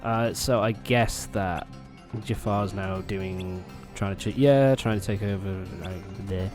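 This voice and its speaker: In a lowish voice at a measured pace, a young let's play host offers meandering, sweary commentary on his gameplay, a cold still lingering. Behind him the game music is loud.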